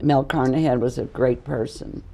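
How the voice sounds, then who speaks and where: A woman in her nineties speaks as an interview guest, her voice hoarse and worn. There is a gravelly crackle under her mellow, darkish tone. She recalls things haltingly, often repeating words as she searches for them. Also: rumbling low, steady tone. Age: 90s. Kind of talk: casual reminiscing interview.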